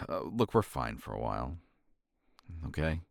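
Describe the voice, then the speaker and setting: Speaking gently and reassuringly near the mic, a man addresses his partner in a romantic ASMR roleplay full of intimate soft talk. He takes it slowly in a sing-song way, his very deep, gravelly voice carrying a fairly bright tone with no echo.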